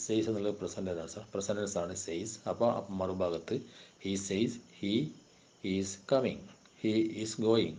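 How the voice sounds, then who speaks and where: A man with a Kerala accent giving an exam question-and-answer lecture on linguistics. He reads English definitions slowly, then explains them in quicker Malayalam asides. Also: low-pitched, dark tone. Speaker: university lecturer.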